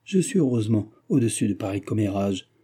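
A man's voice: lowish voice, animated, a little fast, dark tone, breathy edge. A man reading aloud and voicing a flustered, pleading young woman in a raised voice.

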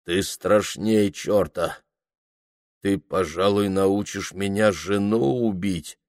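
Casting: a man playing a weary old drunk merchant, low and slow, gloomy. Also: a little mellow, dry recording, studio quality. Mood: sluggish. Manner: weary, slurred, brooding.

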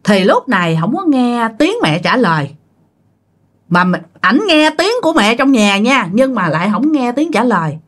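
A woman tells a ghost story in a casual, chatty way, often speaking straight to her listeners. Her voice is fairly high and very animated in pitch. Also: moderate pace. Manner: chatty, addresses listeners directly.

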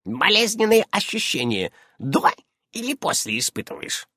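A man voicing a fussy, brisk old female witch who keeps darting from question to question in an audiobook. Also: big pitch swings, bright, forceful tone, breathy edge, no echo, studio quality, exaggerated voice. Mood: brisk, prying. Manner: shrill, darting, interrupting. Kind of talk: audiobook character voice.

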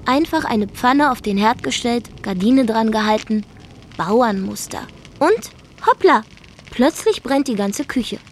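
A woman's voice: on the high side, expressive, measured pace, slight background noise. An actress narrating a radio drama monologue as a brash, defiant young woman from Zeeland, with a dry, wry storytelling manner. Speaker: first-person narrator.

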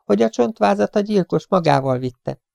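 A man voicing a calm, clever male detective in an audiobook who lays out a plan step by step. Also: sits high, creaky, dry recording, studio quality, voice pushed up, exaggerated voice. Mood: explaining. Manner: methodical, reasoning aloud.

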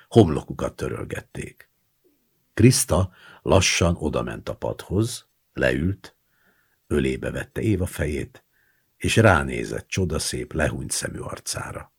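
A man reading a short story aloud as an audiobook narrator, expressive and acting out the lines. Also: a bass voice, husky. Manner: expressive, acts out the characters' lines.

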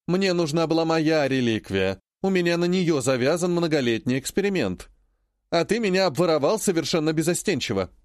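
A man's voice: on the high side, lively intonation, fairly quick, no echo, studio quality, voice pushed up, close to an everyday voice. A man reading an audiobook, voicing a shrewd, indignant old woman, a great-grandmother and healer who laments dramatically.

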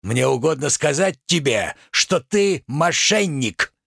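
A man reading a play aloud, voicing a pompous provincial tragic actor who declaims in drawn-out, thundering phrases. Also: fairly high pitch, big pitch swings, gravelly, a bit bright, slightly rough, no room sound, clean studio sound, full character voice. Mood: grandiloquent.

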